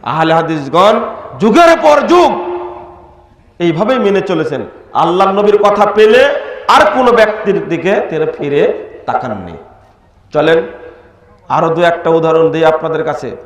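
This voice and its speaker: Impassioned preacher, high voice, echoing hall. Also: male voice, lively intonation, a little slow, long pauses. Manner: impassioned, rhetorical questions to the crowd. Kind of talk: Islamic sermon. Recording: echoey hall, speaker far from mic.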